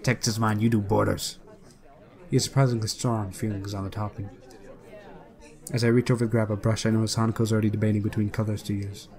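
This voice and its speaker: Let's player, man, low voice, casual game narration with quick asides. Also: little pitch movement, mellow. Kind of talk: reading a visual novel aloud with commentary.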